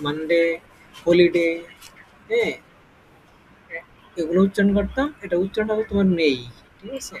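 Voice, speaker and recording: High-voiced man teaching a casual lesson. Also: darkish tone, slight background noise, rough recording. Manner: explains step by step, often checking "okay?". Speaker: English teacher.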